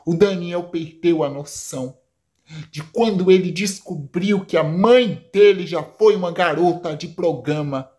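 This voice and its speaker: A woman with a Brazilian accent retelling soap opera plots in a plain, unhurried way. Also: lowish voice, a little mellow. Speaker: narrator.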